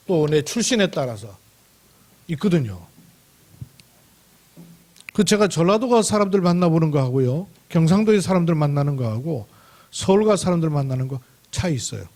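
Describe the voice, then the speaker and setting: A man preaches in a church sanctuary, his voice pitched high for a man and swinging widely up and down. He hammers points with repetition and slows to draw out key words. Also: a little mellow. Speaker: pastor. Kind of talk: sermon.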